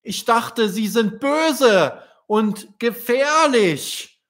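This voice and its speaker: A man's voice: expressive, extremely slow, fairly bright tone, heavily acted. A man voicing a young male swan chick, full of childlike wonder, in a storybook reading. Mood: amazed. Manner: high, breathless childlike wonder.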